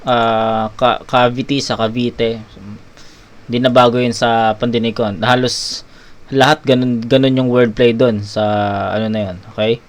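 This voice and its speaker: A man reviewing a rap battle in a relaxed, conversational way, thinking aloud with easy fillers. His mid-pitched voice is smooth and clear. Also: measured pace. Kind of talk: casual commentary.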